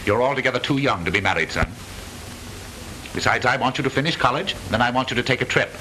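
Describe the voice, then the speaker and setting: An actor playing a blustering, easily flustered middle-aged father in stagey 1920s comedy film style, halting and repeating himself. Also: medium pitch, bright, forceful tone, natural voice, low-quality recording. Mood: firm, fatherly. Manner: stagey old movie actor delivery, blustering, halting repetitions. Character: blustering, lonesome widowed father, flustered businessman. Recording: hissy 1920s film soundtrack.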